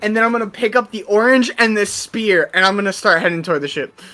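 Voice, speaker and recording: A man's voice: high voice, fast talker, pushed and bright, slight background noise. A man playing a tabletop game, eagerly stating his character's moves and cutting off his own sentences. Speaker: player. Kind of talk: casual tabletop play.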